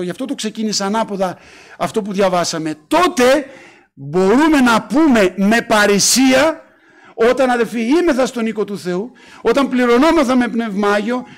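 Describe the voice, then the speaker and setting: A man preaching a fervent sermon, calling out alleluia and putting questions to his congregation. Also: sits high. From Greece.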